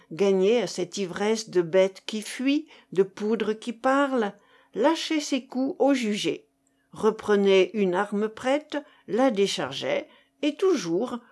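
A woman narrating a classic novel aloud in a measured, expressive reading. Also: a little high. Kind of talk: audiobook reading of classic fiction.

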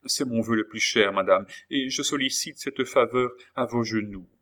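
A man voicing a terrified young woman in an audiobook, pleading in a frantic, high voice. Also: normal speed, sharp tone, natural voice. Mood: earnest. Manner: breathless, high-pitched frightened pleading. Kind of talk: audiobook character voice.

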